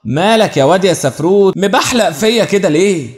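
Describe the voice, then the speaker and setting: A man's voice: high-pitched, expressive, a little fast. A man voicing a coy young bride, Egyptian accent. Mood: teasing. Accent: Egyptian Arabic.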